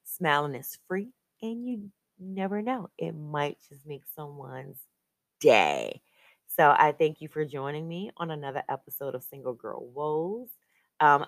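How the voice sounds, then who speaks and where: A woman's voice: sits low, no echo. A woman hosting her own podcast, talking in an upbeat, chatty way. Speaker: podcast host. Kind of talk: casual solo podcast chat.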